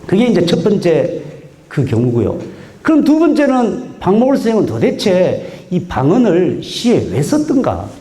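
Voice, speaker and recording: A man gives a public lecture, his fairly high voice swinging up and down as he acts out dialect phrases. His tone is warm and mellow. The sound is roomy and echoey, caught in a lecture hall. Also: huge pitch swings, normal speed. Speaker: university professor giving a lecture.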